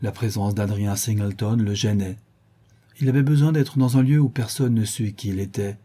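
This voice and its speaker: Dark, husky man narrating a novel. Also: on the low side. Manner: measured literary reading. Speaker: audiobook narrator. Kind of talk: scripted narration.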